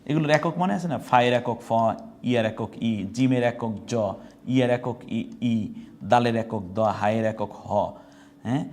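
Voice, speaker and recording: A mid-pitched man teaches Quran reading, naming each letter and where its dots go. He speaks patiently and methodically, step by step. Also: darkish tone. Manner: chanted recitation, slow and drawn out. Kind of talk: step-by-step lesson on Arabic letters.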